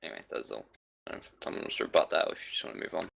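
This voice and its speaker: Male gamer, blunt critic, deep gravelly and quick. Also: animated, fairly bright tone. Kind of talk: casual voice chat.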